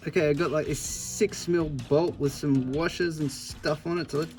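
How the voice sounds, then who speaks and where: Faint music runs under this casual DIY vlog, where an Australian-accented electrician in his thirties talks offhandedly through fitting a car radio, teasing himself along the way. He speaks at a moderate pace in a slightly high, slightly mellow voice with fairly even intonation.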